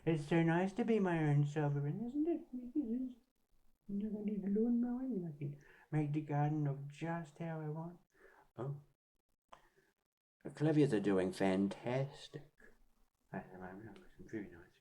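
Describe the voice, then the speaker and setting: A woman's voice: low-pitched, expressive, moderate pace, pauses often, warm tone. A woman in her forties, rambling casually at home and cooing to her cat in sing-song baby talk. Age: 40s. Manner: meandering, chatty, talks to herself. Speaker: vlogger. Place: home, on a swivel chair by a sofa.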